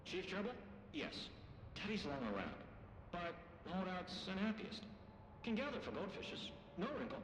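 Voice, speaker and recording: An actor voicing a strange trapped otherworldly entity in a game, speaking in distorted, garbled nonsense phrases. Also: male voice, sits high, big pitch swings, normal speed, fairly bright tone, a little hiss or hum. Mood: eerie. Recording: echoey reverberant game audio.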